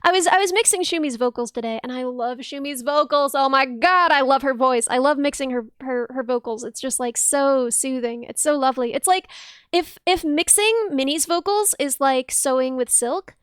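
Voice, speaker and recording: In casual livestream chat with viewers, a young woman who streams and plays music speaks at normal speed in a high, dense, bright, somewhat piercing voice. She is bubbly and gushes her thanks with excited shrieks. It's recorded close and dry, with no room sound.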